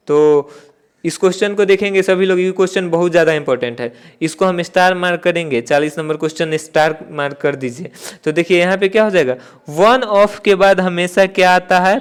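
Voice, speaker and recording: A man with a high, smooth, clear voice gives an exam-prep grammar lesson. He works through each question step by step, asking and answering his own questions and circling back to stress the key points. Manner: repeats key points with "theek hai". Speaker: exam-prep English teacher. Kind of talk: classroom-style exam lesson.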